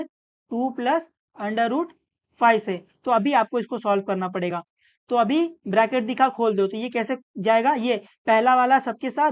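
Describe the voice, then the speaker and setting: A woman's voice: fairly high pitch, dull audio. Woman tutor asking and answering herself. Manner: patient, asks and answers her own questions. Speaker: maths tutor. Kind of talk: step-by-step maths lesson.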